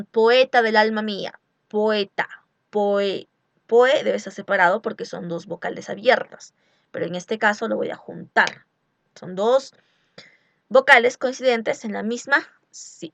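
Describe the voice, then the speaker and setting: Woman, literature teacher, gravelly tone, dry close sound, deliberate pacing, rhetorical questions. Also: fairly high pitch, a bit bright, no room sound. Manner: slow, deliberate, spelling out syllables and asking rhetorical questions. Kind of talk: recorded lecture on poetic meter.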